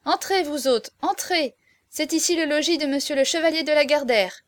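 A woman reading aloud, voicing an excitable young male servant who shouts boastful announcements. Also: sits high, moderate pace, no echo, voice pushed up, natural voice. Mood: boisterous. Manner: loud, breathless exclamations.

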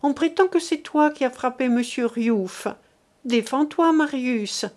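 A woman reading aloud as a desperate mother imploring men to spare her son, in an impassioned, high voice. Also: a little slow, darkish tone. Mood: pleading. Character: desperate pleading older mother.

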